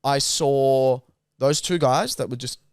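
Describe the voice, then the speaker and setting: Podcast host: Australian man, clear voice, blunt lad slang, casual, dry close sound. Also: mid-range voice, slow pace, no echo. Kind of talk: casual chat.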